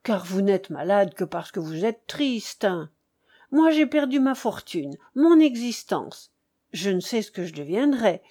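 A woman voicing a cheerful, frivolous young French count, with a light and lively tone in an audiobook reading. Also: mid-range voice, measured pace.

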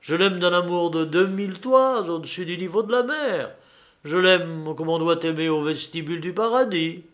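A man's voice: sits high, moderate pace, fairly bright tone. A man voicing a fervent grandiose lover. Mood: passionate. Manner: declamatory, impassioned. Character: passionate grandiose man, threatening rival in balloon.

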